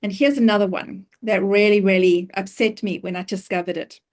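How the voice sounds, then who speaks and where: A woman's voice: mid-range voice, fairly even intonation, brisk. A middle-aged woman from Africa, speaking to an audience and telling personal stories with emphatic questions. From South Africa. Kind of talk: talk to an audience.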